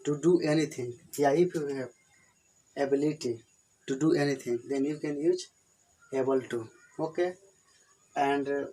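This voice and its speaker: This is an Indian man, a native Hindi speaker with an Indian accent, giving an English grammar lesson at a whiteboard. He explains things simply and goes over the same points again and again. His mid-range voice has a darkish tone, and the audio quality is poor.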